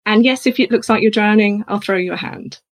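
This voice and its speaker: A middle-aged woman, a coach and speaker, telling a personal story in an animated conversational way. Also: medium pitch, a little fast. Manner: animated, acts out other people's voices in her anecdotes.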